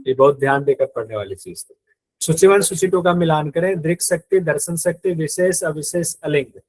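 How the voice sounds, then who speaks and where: A man's voice: fairly high pitch, moderate pace, a little mellow, no echo, low-quality recording. A man teaching a live online yoga exam-prep class in speech, explaining step by step, repeating key terms and quizzing his students.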